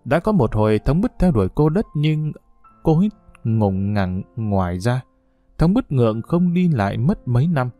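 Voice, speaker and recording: A man narrating a somber story in a solemn, expressive audiobook reading. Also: medium pitch, dry recording. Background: soft guitar music.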